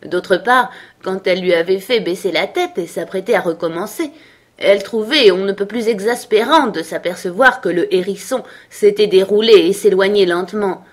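A woman narrating a children's story in a calm, even reading voice. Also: mid-range voice, normal speed.

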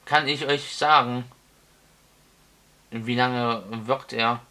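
A small, fussy homeowner, as a male reader gives him voice, stiffly polite and flustered. He speaks slowly in a bright, sharp tone, in an audiobook. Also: medium pitch, fairly even intonation. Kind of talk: audiobook character voice.

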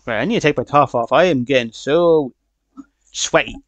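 A man with a headset, excitedly commentating his own shooter gameplay, swearing and shouting at the game. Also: mid-range voice, racing, no room sound. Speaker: gaming channel host.

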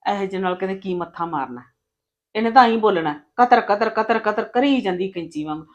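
A woman's voice: medium pitch, animated, a little fast, muffled recording, lightly acted. A woman playing a complaining, gossipy elder sister-in-law in a film drama scene. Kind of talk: short-film drama dialogue.

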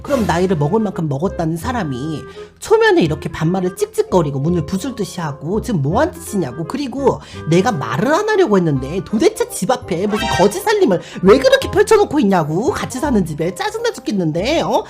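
A woman's voice: mid-range voice, wildly swooping pitch, quick pace, few pauses, soft background music. A woman doing an indignant scolding mother. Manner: sharp, scolding, rising outrage. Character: indignant middle-aged mother scolding a neighbor.

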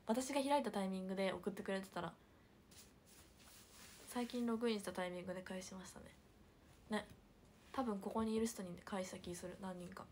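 A young woman livestreaming, chatting casually and reading viewer comments, with a hint of Hiroshima dialect and soft murmured asides. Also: medium pitch, a little fast, long pauses, slight background noise. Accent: picking up Hiroshima dialect. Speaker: idol livestreamer.

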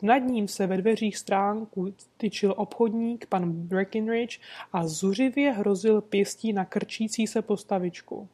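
A woman reading a classic detective story aloud as an audiobook narrator, with steady storytelling narration. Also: medium pitch, few pauses.

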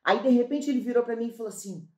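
Animated high-voiced woman telling a story. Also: very fast, echoey room. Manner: animated, acts out quoted dialogue, laughs while telling. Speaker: guest storyteller. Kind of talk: comic anecdote on a talk show.

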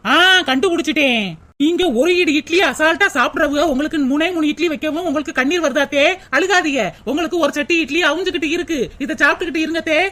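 A woman's voice: sits high, a bit bright. Woman voicing a mocking young daughter-in-law. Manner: fast mocking chatter. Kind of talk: cartoon voice acting.

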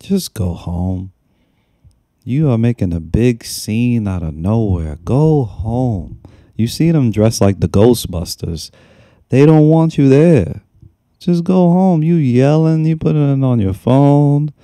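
A man's voice: mid-range voice, lively intonation, takes it slowly, mellow, no echo. A young man hosting a reaction video, talking in a casual, mocking and exasperated way and repeating himself as he scolds, recorded at a desk microphone in a small room at home. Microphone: desk microphone on a stand.

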